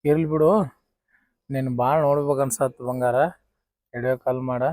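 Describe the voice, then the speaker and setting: A man's voice: mid-range voice, steady tone, normal speed, darkish tone, dry recording, close to an everyday voice. A man with a North Karnataka Kannada accent playing a drunk, heartbroken young lover, pleading and self-pitying. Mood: insistent. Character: jilted young man drinking away heartbreak. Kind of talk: short film acting.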